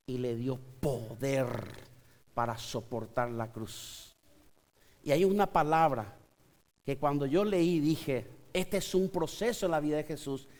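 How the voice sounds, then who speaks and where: A male pastor preaching a sermon, swinging between loud, forceful passages and hushed, low-spoken ones. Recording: long reverb of a church hall.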